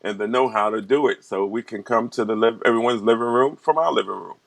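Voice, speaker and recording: A man's voice: on the low side, fast, gravelly. A man from New York co-hosting a casual online talk show, speaking earnestly and agreeing emphatically.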